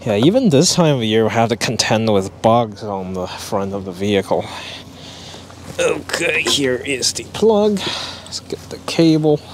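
The man speaks at medium pitch with big swings in intonation, taking his time. Narrating an electric car road trip vlog in a relaxed way, he fills his explanations with ums and uhs, recorded in a car and in a parking lot with noisy outdoor vehicle ambience.

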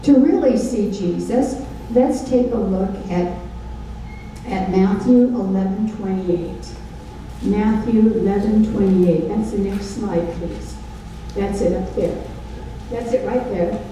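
Slow, dark-voiced older woman preaching in an echoey hall. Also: medium pitch, a little hiss or hum. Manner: call-and-response questions, emphatic. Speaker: Bible study teacher. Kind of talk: preaching Bible study sermon. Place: large dark stage at a lectern. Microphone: handheld mic. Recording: echoey hall, from far off, faint ambience.

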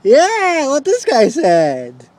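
A man's voice: very high voice, huge pitch swings, very slow, a little mellow. A man in his twenties, blackout drunk, rambling and searching for words in a casual vlog to his phone. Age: 20s. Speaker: vlogger. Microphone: phone at arm's length. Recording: clear background noise in a vehicle.

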